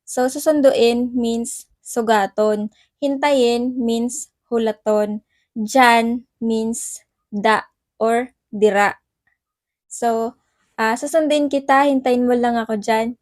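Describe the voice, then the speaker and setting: A woman hosting a casual language lesson vlog, laughing often and repeating words slowly. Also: fairly high pitch, fairly even intonation, a little mellow, no echo, studio quality. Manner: cheerful, laughs often, slow repetition of words. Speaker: vlogger teaching Ilonggo phrases.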